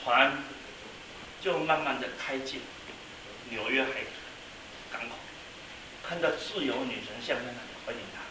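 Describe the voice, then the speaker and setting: A man preaching a sermon as a pastor, telling a story and swinging from quiet asides to loud exclamations. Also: mid-range voice. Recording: echoey hall, mic at a distance, faint hiss.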